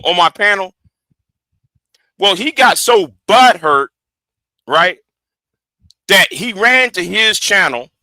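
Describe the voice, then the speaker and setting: A man in his forties runs a heated livestream, speaking in a high, piercing, bright voice. He stammers, doubles back and repeats words as he pushes his point. The sound is close and dry, with no room around it. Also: no echo. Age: 40s. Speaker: livestream host.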